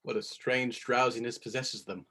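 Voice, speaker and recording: A man's voice: mid-range voice, fairly even intonation, moderate pace, fairly bright tone. A man playing a blunt, mocking nobleman in a Shakespearean drama, with a dry, cutting delivery. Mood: sly. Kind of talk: Shakespearean stage drama performance.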